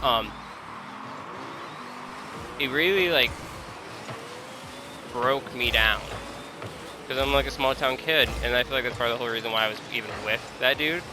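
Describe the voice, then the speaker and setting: With music underneath, a 21-year-old gaming creator speaks at a moderate pace in a medium-pitched voice, pausing often. He confides casually and candidly while he plays, hesitant and self-deprecating as he works to find his words.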